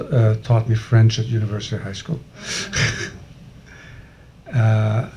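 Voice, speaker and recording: Older Brooklyn-accented man, mellow voice. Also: mid-range voice. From Hungary. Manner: chatty, self-deprecating. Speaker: foundation founder and event host. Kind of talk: casual introductory remarks.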